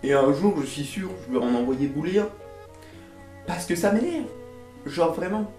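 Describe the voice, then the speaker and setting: Hosting his own YouTube video, this young man launches into a theatrical, exasperated rant at the camera, casual and funny, with plenty of slang swearing. His pitch leans high, his delivery is animated at a normal speed, and the tone is somewhat dark. Music runs beneath a roomy, echoing recording.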